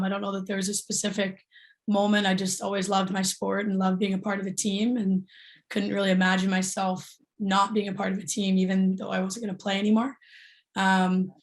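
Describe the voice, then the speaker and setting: A woman coach talks on a panel in an earnest, steady way. Her pitch stays very flat. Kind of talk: panel discussion.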